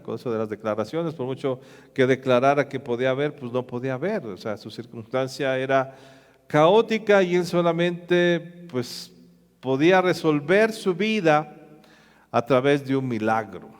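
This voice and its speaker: A man preaching a sermon, retelling a scripture story in a lively, storytelling way. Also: mid-range voice, big-room sound. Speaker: pastor.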